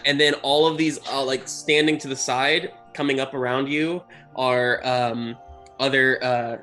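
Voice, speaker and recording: A man narrating a tabletop game as game master, improvising haltingly and searching for words. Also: mid-range voice, steady tone, bright, forceful tone. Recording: music playing behind the voice. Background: music.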